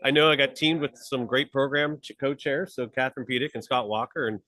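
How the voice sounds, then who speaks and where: A man's voice: medium pitch, fairly quick, sharp tone, no room sound, rough recording. A man from Pittsburgh, the conference chair, chatting in a live interview with an upbeat, enthusiastic, rambling manner. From Pittsburgh, USA. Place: conference hall table.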